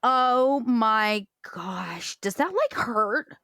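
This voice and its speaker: Woman player, bubbly chatter, dry close mic, middle pitch. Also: expressive, very slow, a bit bright, no room sound. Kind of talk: casual in-character play.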